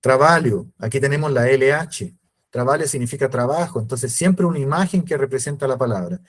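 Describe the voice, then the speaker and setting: A man's voice: medium pitch, a little fast. A man teaching a virtual class, explaining step by step and checking in often with his students. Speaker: lecturer. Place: home, video call. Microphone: computer mic on video call.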